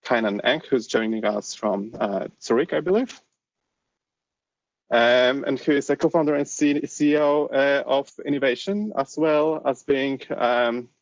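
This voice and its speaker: Man muffled by a face mask, halting. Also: mid-range voice. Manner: halting, with very frequent hesitations. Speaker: host of an online research session. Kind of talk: hesitant spoken introduction. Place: shared office space. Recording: roomy, distant, dull sound.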